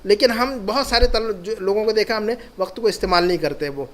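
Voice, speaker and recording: A man with a high-pitched voice leads a classroom lesson, speaking as a teacher. He is encouraging and repeats key points over and over for his students. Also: fairly bright tone. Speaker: Arabic teacher.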